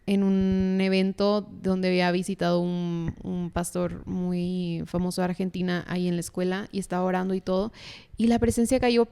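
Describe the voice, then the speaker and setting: A young woman from Mexico, a podcast guest, sharing a personal faith testimony in a casual, earnest and animated way. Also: fairly low pitch, moderate pace, creaky, clean tone. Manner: earnest, animated storytelling with laughs.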